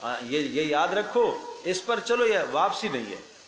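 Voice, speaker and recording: A man's voice: on the high side, very animated, fairly bright tone, roomy sound, slight background noise, poor audio. A man giving a sermon of Quran commentary, telling vivid parables, acting out the people in his stories and repeating phrases for emphasis.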